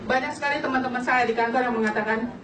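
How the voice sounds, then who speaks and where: High-voiced woman near fifty, animated. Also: quick pace, slight background noise. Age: late 40s. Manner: animated, laughing often, addresses the audience directly. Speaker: customer giving a testimonial. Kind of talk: lively personal testimony to an audience. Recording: echoey hall, distant mic, audience around.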